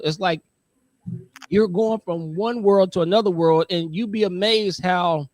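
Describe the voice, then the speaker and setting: High-pitched enthusiastic man, dry sound. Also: no room sound. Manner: enthusiastic, repeats phrases for emphasis. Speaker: guest. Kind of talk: casual chat.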